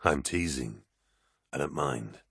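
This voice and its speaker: A man doing a towering warrior captain with a very deep, husky voice. He speaks quietly and with flat certainty. The sound is dry and close. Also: slow pace, dry recording, exaggerated voice. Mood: stoic. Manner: low, quiet and flatly certain. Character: towering superhuman warrior captain, calm and stoic.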